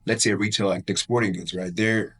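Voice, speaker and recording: A Nigeria-born man in his thirties talks shop as a podcast guest, words tumbling out quickly in a loose, filler-heavy way. His voice sits low with a husky edge. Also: fairly even intonation, fairly bright tone. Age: 30s. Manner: rapid, filler-heavy, leans on "like" and "you know what I mean". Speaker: guest, brand founder. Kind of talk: casual podcast conversation.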